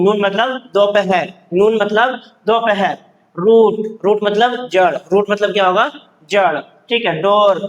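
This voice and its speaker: A man teaching an English lesson, who repeats each word, asks "what is it?" and then answers, slowing right down for the example sentences. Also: sits high, rough recording. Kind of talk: classroom lesson, word-by-word explanation.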